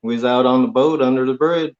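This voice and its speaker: A man from Hawaii, appearing as a chat show guest, gives short, laid-back, plain-spoken answers in a casual interview. His mid-range voice is steady and darkish, delivered at a quick pace, and the lo-fi recording sounds dull.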